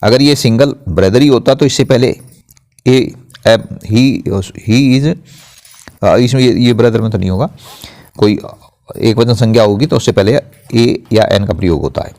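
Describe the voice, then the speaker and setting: A man's voice: mid-range voice, moderate pace, darkish tone. A man teaching English grammar, explaining patiently and spelling words out letter by letter. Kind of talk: blackboard-style grammar lesson.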